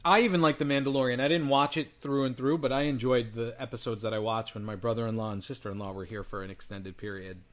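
A man's voice: medium pitch, fairly even intonation, fast talker, few pauses, a bit bright. A man of about forty co-hosting a podcast, rambling in casual chat with many fillers. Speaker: podcast co-host.

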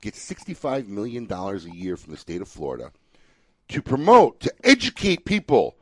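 A man's voice: on the low side, normal speed, dry recording. A man hosting a podcast, chatting casually and ranting with lots of restarts. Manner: animated, ranting, frequent restarts. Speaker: podcast host. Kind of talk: casual opinionated chat.

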